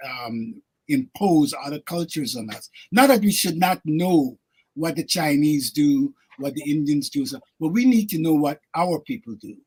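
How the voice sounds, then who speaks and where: His voice on the high side, mellow and husky, an older Guyanese man speaks animatedly at a moderate pace. An actor appearing on a radio talk show, he tells stories reflectively, often laughing and leaning on fillers.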